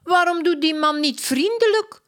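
A woman voicing a curious little girl who keeps asking questions, read slowly from a storybook. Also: a bit bright. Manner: eager, questioning, high-pitched. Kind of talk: slow storybook reading.

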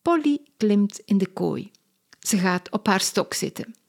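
A woman reading a children's story aloud, clear and sing-song, sentence by sentence. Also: mid-range voice, expressive, a little slow, darkish tone.

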